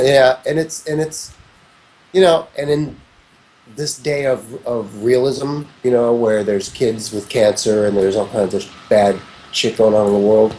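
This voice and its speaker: A music producer in his fifties speaks as a guest in a casual conversational interview, his fairly low, dark voice captured on a rough recording with a little hiss or hum. He is reflective and rambling, often restarting sentences and saying "you know" a lot.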